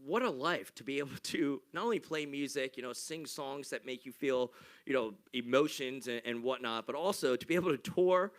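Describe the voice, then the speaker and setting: A man's voice: mid-range voice, normal speed. A male music show host interviewing a band in a hyped, playful way. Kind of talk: casual interview chat.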